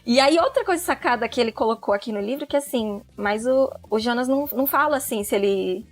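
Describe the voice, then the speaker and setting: Chatty woman, fairly high voice. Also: animated, fast talker, soft background music. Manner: chatty, laughs often, many fillers. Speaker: podcast guest, book club member. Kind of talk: casual chat about a book.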